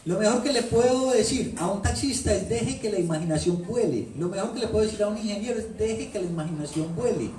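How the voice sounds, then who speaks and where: Speaking fast with hardly a pause, a Colombian author with a paisa accent addresses his book-launch audience in a high, expressive, mellow voice. He tells stories playfully and repeats phrases for effect. The handheld-mic audio comes from a distance in an echoey bookstore event room.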